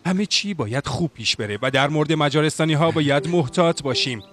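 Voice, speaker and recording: A man's voice: on the high side, over music, close to an everyday voice. An actor dubbing a formal, deferential uncle who advises a young king. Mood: earnest. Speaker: royal advisor, the king's uncle. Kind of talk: film dubbing.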